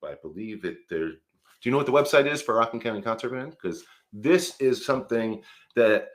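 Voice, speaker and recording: A man's voice: mid-range voice, expressive, fairly quick. A man co-hosting a casual local morning radio show, trading wry jokes and making earnest appeals to listeners. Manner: wry, joking asides, earnest civic appeals.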